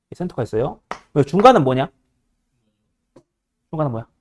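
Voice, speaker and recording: A young male math teacher lectures his class with a bossy, teasing edge, prodding students for answers. His voice sits a little high and swings widely in pitch. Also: big pitch swings, fairly quick. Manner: bossy, teasing, constantly checking understanding.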